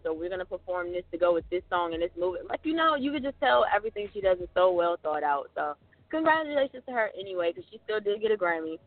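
A man with a high voice co-hosts a podcast in casual, animated chat and leans on "like" as he talks. The sound is dry and thin, like a phone line. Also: no room sound. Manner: animated, talks fast with many "like" fillers. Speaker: podcast co-host.

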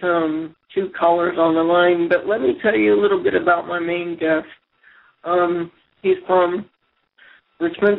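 A man hosting a casual call-in radio show over a speakerphone, talking loosely with many fillers and pauses. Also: high voice, gravelly. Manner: loose, filler-heavy, halting. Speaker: internet radio host. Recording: tinny speakerphone audio.

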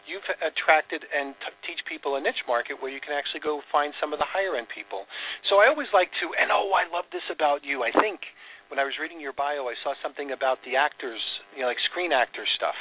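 A man's voice: fairly high pitch, expressive, quick pace, breathy edge. A man hosting a radio talk show, chatting casually and rambling a little with fillers as he introduces his guest over a phone line. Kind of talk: casual interview chat.

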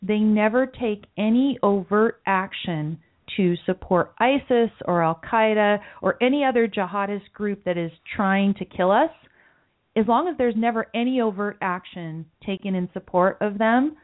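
Heard over lo-fi, phone-style audio, a woman hosts a political talk show discussion. Her pitch sits in the middle and her speed is ordinary, and her light, self-described mousy voice carries an earnest tone with frequent repeated words as she reasons out loud.

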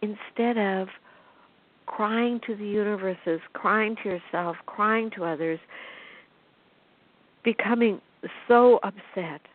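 A woman channeling spiritual guidance on her radio show, talking in a slow, soothing, repetitive way and often asking the listener if they see. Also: mid-range voice. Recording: phone-like web radio line.

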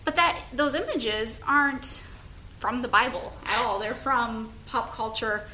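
A woman's voice: a little high, measured pace, sharp tone, poor audio. A woman in a casual panel discussion, speaking in an informal, wry way. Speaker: podcast panelist. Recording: faint noise of live space.

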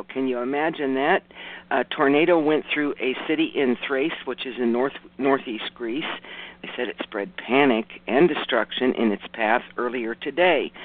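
Man, hoarse raspy voice, radio host, informal news delivery, hesitant self-corrections, folksy asides, thin narrowband sound. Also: medium pitch, dry recording. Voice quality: raspy, rough voice. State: hoarse from hay fever. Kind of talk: informal news reporting with commentary. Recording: muffled, narrowband radio broadcast.

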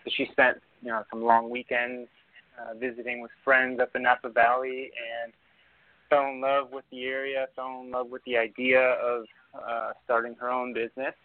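A man from Argentina, a winemaker guest, telling his story in a relaxed, unhurried way. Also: mid-range voice, dry recording. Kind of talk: casual interview. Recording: phone-line sound.

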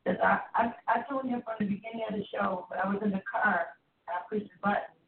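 A woman's voice: medium pitch, steady tone, fast, echoey room, crowd noise. Muffled woman caller, as if through a wall. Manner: rambling, restarts mid-sentence. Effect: muffled and distant, as if heard through a wall, from a speakerphone. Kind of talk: call-in chat. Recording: tinny phone line, far from the mic.

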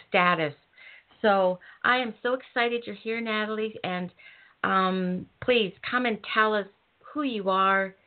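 A woman hosts an interview and gushes about her guest, filling her talk with ums and false starts. Her voice sits at an everyday middle pitch. The sound is narrow and tinny, like a phone line. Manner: gushing, with many ums and restarts. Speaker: host. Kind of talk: casual interview chat.

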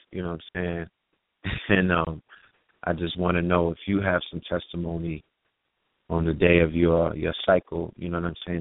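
A man in his forties hosting a radio talk show, speaking in a relaxed, laid-back way with drawn-out phrasing. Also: low-pitched, gravelly, no echo. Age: 40s. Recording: dry phone-line call audio.

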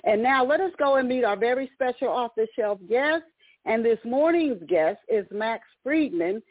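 A woman hosting a book interview show on a radio call-in introduces her guest warmly, chatting with repeated words and restarts. Her voice is a little high and animated at normal speed, coming through a dry, tinny phone line.

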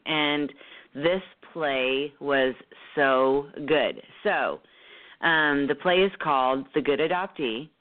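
A woman hosting an internet radio talk show, congested from a cold, with a nasal voice and a rambling manner full of ums. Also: deep voice. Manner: rambling with many ums and restarts. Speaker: host. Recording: tinny phone line.

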